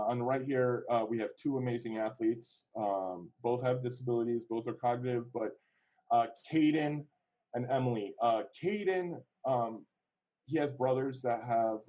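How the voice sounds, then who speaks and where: Mellow-voiced man presenting with many fillers. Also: mid-range voice, poor audio. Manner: halting, with many fillers and restarts. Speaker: program co-founder presenting. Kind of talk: online presentation talk.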